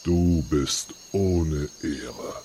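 A man's voice: slight background noise, full character voice. A man voicing an honor-bound masked alien warrior who talks in short, broken phrases. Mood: stern. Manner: broken clipped speech, slow and deep. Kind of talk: audiobook character voice. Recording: read over loud background music.

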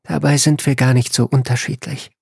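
A man voicing a calm, unflappable female ambassador who speaks in a dry, matter-of-fact way, in an audiobook. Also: medium pitch, moderate pace, creaky, breathy edge, no echo.

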